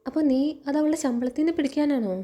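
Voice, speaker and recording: Blunt, chiding old grandmother over sixty read by a woman, mellow tone. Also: mid-range voice, fast talker, close to an everyday voice. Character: sharp-tongued old grandmother.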